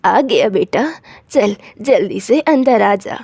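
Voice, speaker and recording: A woman's voice: medium pitch, slow, gravelly, a little mellow, breathy edge, no room sound, voice pushed down, full character voice. A woman voicing a domineering older mother-in-law in a cartoon story, bossy and pleading.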